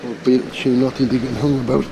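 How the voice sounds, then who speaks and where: A man's voice: mid-range voice, flat delivery, fairly quick, vocal fry. A man from Ireland giving wry, casual running commentary while magnet fishing on a grassy riverbank, filmed on a head-mounted camera. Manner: wry, chuckling at small finds while hauling rope. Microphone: head-mounted action camera. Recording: outdoor wind noise.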